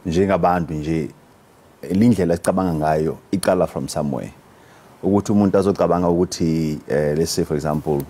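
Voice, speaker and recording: A South African man speaking as an interview guest and coach, explaining conversationally in a halting way. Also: extremely low pitch, warm tone, breathy edge. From Free State, South Africa. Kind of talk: conversational explaining, switching languages.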